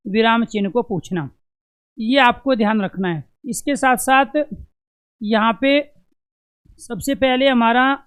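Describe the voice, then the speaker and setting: A man's voice: very high voice, clean tone. A man teaching an exam-prep lesson, who asks questions and answers them himself and repeats the key terms to drill them in.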